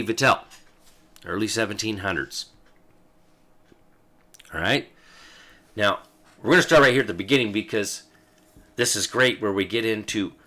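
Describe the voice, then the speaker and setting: A man's voice: on the low side, bright, forceful tone. A man hosting a show, reading old legal texts aloud and explaining them with fillers and asides. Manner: talks as he reads, with fillers and asides. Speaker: host.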